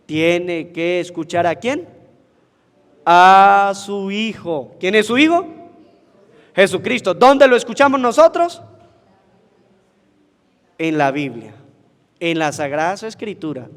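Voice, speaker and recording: A priest preaches at Mass in a high, carrying voice. He keeps asking the congregation questions and answering them himself. The long reverb of the church rings behind him. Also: smooth. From Venezuela. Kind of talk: sermon at Mass.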